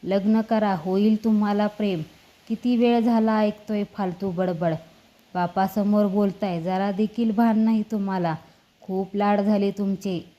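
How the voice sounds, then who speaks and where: A woman's voice: mid-range voice, steady tone, unhurried, muffled recording, lightly acted. A woman voicing a domineering father who scolds his daughter in a commanding way. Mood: stern. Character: stern, domineering father, a politician.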